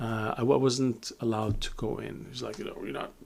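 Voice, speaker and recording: Reflective man from Israel, halting speech. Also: mid-range voice, fairly even intonation, gravelly, a little mellow. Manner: reflective, many fillers and restarts. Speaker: Kabbalah teacher. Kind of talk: live Q&A talk.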